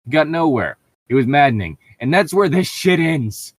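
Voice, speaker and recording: A man with a higher-leaning, breathy voice and big swings in pitch co-reads fan fiction on a riffing show at a normal speed. He casually ridicules the text, swearing, stumbling over words and making sarcastic asides, with no echo in the audio.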